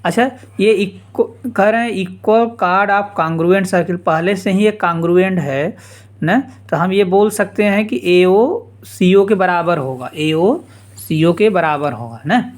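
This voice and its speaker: A man teaching a geometry lesson informally, repeating steps slowly and dropping casual asides. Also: sits high. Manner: slow, repetitive explaining with casual asides. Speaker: math teacher.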